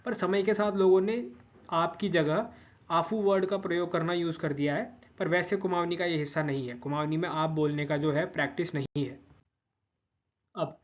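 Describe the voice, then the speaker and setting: A man's voice: fairly high pitch, lo-fi sound. A man giving a patient grammar lesson, repeating each word form and checking in with listeners often. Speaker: language teacher.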